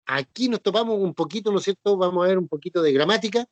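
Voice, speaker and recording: A man delivers a Bible teaching sermon in a high voice. He repeats his points patiently and keeps asking if the listeners follow. The sound is dry and close, with no room echo. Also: quick pace. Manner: repetitive, checks understanding with tag questions. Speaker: preacher.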